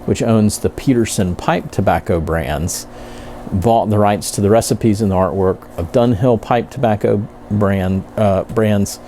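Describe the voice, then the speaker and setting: A man giving a casual, rambling product review, halting and correcting himself as he goes. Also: on the low side, dark tone, slight background noise. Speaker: pipe tobacco reviewer.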